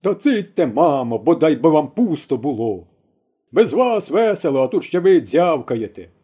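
A man reading aloud and voicing two hefty, quarrelsome middle-aged daughters who snap loudly and irritably. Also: high-pitched, very animated, a little slow, breathy edge, voice pushed up, heavily acted. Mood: irritated. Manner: loud, snapping, irritable.

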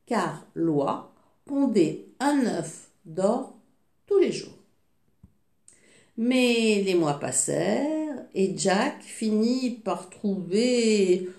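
A woman reads a fairy tale aloud at an unhurried pace. Her voice rises and falls widely, with the odd small slip. The room gives it a clear echo. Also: medium pitch. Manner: slow, expressive reading with small slips. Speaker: storyteller. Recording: echoey room.

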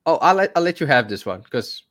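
A man's voice: a little high, very animated, fairly quick, fairly bright tone. A man co-hosting a casual fantasy football podcast, chatty and exasperated, often calling his partner "mate". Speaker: podcast co-host. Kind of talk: casual chat.

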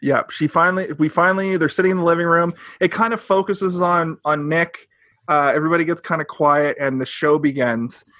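Man, fairly high pitch, very dry recording, podcast co-host, casual recap chat, blunt wry opinions. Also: fairly even intonation, a little fast, a bit bright, dry recording.

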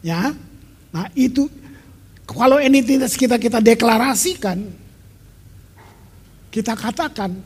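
A man's voice: very high-pitched, expressive, measured pace, long pauses, breathy edge. A middle-aged man preaching a sermon as pastor, talking emphatically and conversationally and dropping in English phrases. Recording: long reverb of a large hall.

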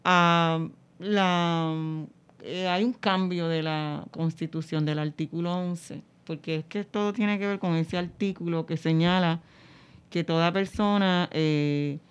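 A woman speaks very slowly in a smooth, fairly low voice. She explains carefully, often pausing to search for the next word. The recording is slightly dull. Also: fairly even intonation. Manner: halting, searching for words, explanatory. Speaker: interviewee. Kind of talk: explanatory interview talk.

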